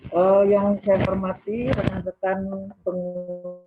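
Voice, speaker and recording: A woman giving formal opening remarks over a video call, her voice breaking up on an unstable connection and halting with hesitations. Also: medium pitch, little pitch movement, music in the background. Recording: tinny, dry video-call audio.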